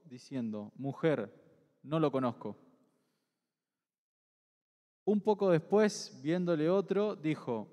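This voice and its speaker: Man, measured scripture reading, fairly high voice, long church-hall echo. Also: a little mellow. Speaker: scripture reader.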